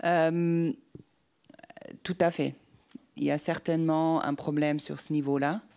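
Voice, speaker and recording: A woman speaking unscripted at a round-table discussion, deliberate and hesitant, repeating words as she formulates her point. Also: sits low, level tone, a little mellow. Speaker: panel speaker.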